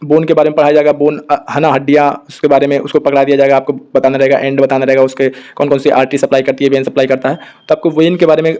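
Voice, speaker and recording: A man's voice: mid-range voice, clean tone. A young man, a doctor, giving casual advice to students and checking in with "okay" after almost every point. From India. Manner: talks fast in a flat tone, with constant "ठीक है" check-ins. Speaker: doctor giving study guidance.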